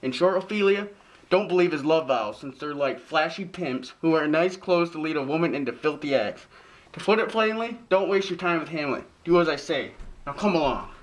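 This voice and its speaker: Man as a pompous high-pitched lecturing father. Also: expressive, moderate pace, close to an everyday voice. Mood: dismissive, stern. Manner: lecturing, scolding. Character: pompous, preachy, overbearing father of grown children. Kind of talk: parody drama acting, modern-English Shakespeare.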